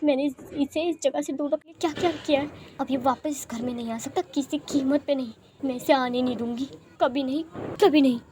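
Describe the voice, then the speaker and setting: A bitter, scheming lady of the house, as a narrator puts her on, muttering her vows with vehemence. Her voice sits on the high side. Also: steady tone, brisk, dark tone, slight background noise, lightly acted.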